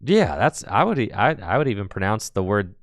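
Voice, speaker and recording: A man's voice: on the low side, very animated, brisk, dry recording, clean studio sound. A man giving casual play-by-play commentary on a card game tournament, chatty and thinking aloud as he goes.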